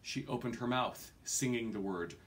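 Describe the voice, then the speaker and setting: A forties-aged man reads from a fantasy novel indoors in a small home room, using a mid-range voice at normal speed. His delivery is theatrical and expressive, like an audiobook narrator's, with the odd small stumble.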